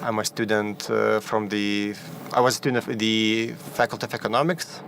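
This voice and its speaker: A man, politely asking a question from the audience in a slightly halting way. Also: fairly low pitch, level tone, gravelly, fairly bright tone, a little hiss or hum. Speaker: audience member.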